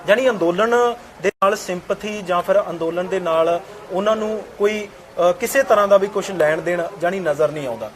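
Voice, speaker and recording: A man hosting a TV interview show, presenting in a measured way with small hesitations. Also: sits high, low-quality recording. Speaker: TV talk show host.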